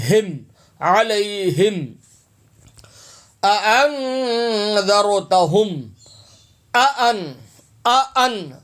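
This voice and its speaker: High-voiced man teaching Quran recitation. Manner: spells out letters and vowels, then repeats words slowly; asks and answers his own questions. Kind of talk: tajweed lesson with slow drawn-out recitation.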